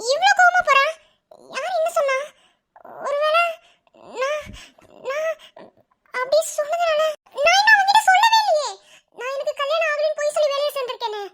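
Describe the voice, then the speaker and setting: A woman's voice: very high-pitched, a bit bright, a little hiss or hum. A woman voicing an anxious young village wife with a Madurai Tamil accent in a cartoon, fretting and asking worried questions. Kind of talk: cartoon voice acting.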